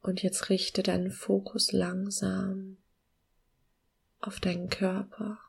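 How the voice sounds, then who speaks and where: A woman guiding a meditation in a soft, hushed, soothing near-whisper with long pauses and a breathy voice. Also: mid-range voice, completely flat delivery. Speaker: podcast host guiding a meditation.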